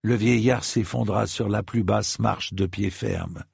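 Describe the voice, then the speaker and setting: A man narrates a story with a gravelly, slightly husky voice. His reading is slow and measured, recorded close and dry. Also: lowish voice, fairly even intonation, darkish tone, dry recording. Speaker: audiobook narrator. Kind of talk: scripted narration.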